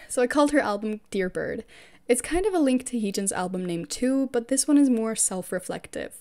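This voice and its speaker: Having recovered from losing her voice, a K-pop fan creator narrates a scripted piece giving her opinions on her favorite members of a music group. She speaks in a mid-range, dark-toned voice with a chatty, enthusiastic fan's delivery.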